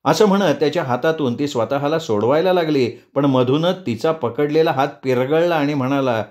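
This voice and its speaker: A man's voice: fairly high pitch, moderate pace. Man narrating an audiobook novel. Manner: steady, expressive storytelling. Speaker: storyteller.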